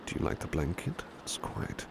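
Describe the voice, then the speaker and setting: Here the British butler ASMR roleplay comes at a moderate pace in a natural voice, kindly and reassuring. The man's very deep, gravelly voice has a breathy whispery edge, his phrasing gentle, courteous and old-fashioned. The recording is clear, with rain sounds in the background.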